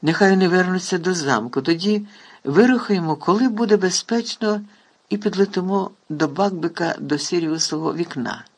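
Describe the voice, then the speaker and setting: A man with a husky voice voicing an anxious, clever schoolgirl in a storybook reading. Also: high-pitched, moderate pace, pitched above the performer's own voice. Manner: urgent, pleading.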